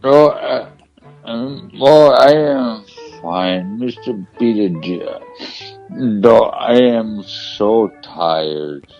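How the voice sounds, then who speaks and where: A man's voice: on the low side, lively intonation, gravelly, lo-fi sound, faint music behind, full character voice. Man doing a bone-tired Easter Bunny. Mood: weary. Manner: slow, exhausted drawl, tells corny jokes. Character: weary, worn-out male Easter Bunny. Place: on a phone call.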